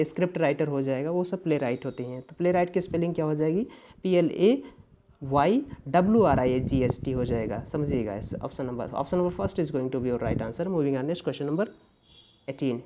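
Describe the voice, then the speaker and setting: A man's voice: on the high side, warm tone. A male English teacher walking through an exam paper, explaining each word patiently and often checking that students follow. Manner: explains patiently, mixing English terms into Hindi; keeps checking in with "है ना" and "ध्यान दीजिएगा". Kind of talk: exam paper walkthrough lesson.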